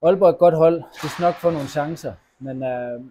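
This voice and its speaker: A young hockey player, disappointed after a loss, answers post-match interview questions haltingly, with lots of fillers and restarts. He speaks at a slightly high pitch, recorded indoors at an arena press wall with background noise.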